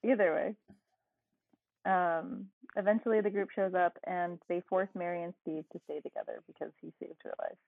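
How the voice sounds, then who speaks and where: A woman's voice: lowish voice, normal speed, gravelly, no echo. A woman co-hosting a podcast, casually recapping a movie plot with dry asides. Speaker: podcast co-host. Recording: tinny phone-like line.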